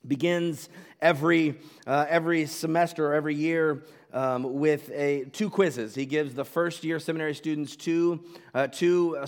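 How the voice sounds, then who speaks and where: A male pastor preaching a sermon earnestly, restarting and repeating phrases, and building up to loud emphatic declarations. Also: on the high side, in a large hall.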